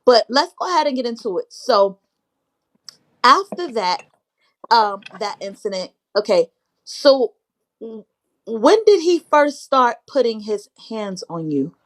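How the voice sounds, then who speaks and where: A woman's voice: on the high side, big pitch swings, unhurried. A woman hosting a casual interview, asking probing questions and speaking to her viewers. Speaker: host interviewer.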